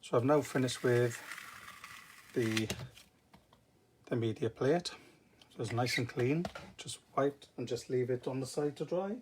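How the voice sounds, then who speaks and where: A man with a Welsh accent talks through a hands-on craft tutorial in an informal, step-by-step way. His voice sits at an average pitch. The recording carries noticeable noise and small clicks behind him. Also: unhurried, pauses often. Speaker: craft demonstrator. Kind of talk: casual live craft tutorial. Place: indoor craft table.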